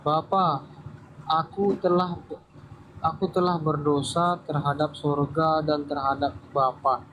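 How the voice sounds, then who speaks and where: A man calling into a live-stream debate, speaking politely and in a measured, slightly hesitant way. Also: fairly high pitch, steady tone, a bit bright, slight background noise, low-quality recording.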